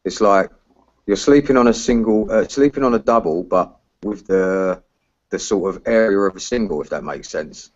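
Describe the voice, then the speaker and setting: A man around forty with a lowish voice, chatting casually with mates. His talk is slangy and sweary, and it comes through a dull, lo-fi online voice chat. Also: normal speed. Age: about 40.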